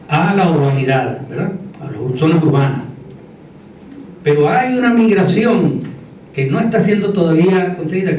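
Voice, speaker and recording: Male conference speaker, Puerto Rican Caribbean Spanish accent, conversational and emphatic through repetition; very roomy sound with faint noise. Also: high-pitched. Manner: conversational, repeats words for emphasis, seeks agreement. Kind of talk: informal conference lecture with asides. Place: echoey indoor conference room. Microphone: distant microphone. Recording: echoey room, distant dull mic, faint noise.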